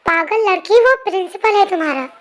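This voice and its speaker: Strict mom scolding her daughter in a fan dub, very high voice. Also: a little fast. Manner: scolding, sharp. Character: strict worried mother. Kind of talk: amateur fan dub voice-over.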